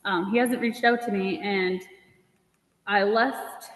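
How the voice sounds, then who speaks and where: A woman's voice: medium pitch, steady tone, takes it slowly. A woman town manager talking casually and in a rambling way at a meeting in an echoing space. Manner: informal, rambling, peppered with "like". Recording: echoey hall with long reverb.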